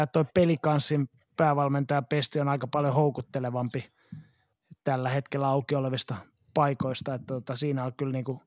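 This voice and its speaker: A man's voice: fairly high pitch, no room sound, clean studio sound. A man co-hosting a casual sports podcast, blunt and prone to stammering restarts. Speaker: podcast co-host.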